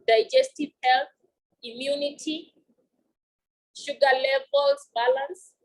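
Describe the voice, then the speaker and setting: A woman presenter wrapping up a health talk, going slowly through a list of topics with fillers. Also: high voice, vocal fry, low-quality recording. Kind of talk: presentation wrap-up.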